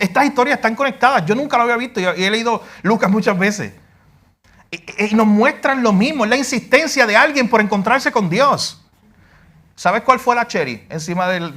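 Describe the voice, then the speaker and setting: Animated Puerto Rican pastor, high bright voice. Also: male voice. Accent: Puerto Rican Spanish. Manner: animated, rises to shouting on quoted cries; asks the listeners questions directly. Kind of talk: Bible class sermon.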